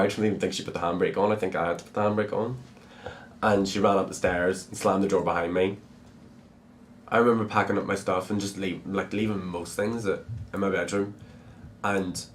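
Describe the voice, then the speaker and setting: Candid young man, low voice, reflective. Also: slight background noise. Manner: candid, reflective, with frequent "like" fillers. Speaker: drag performer. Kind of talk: personal testimony in a documentary.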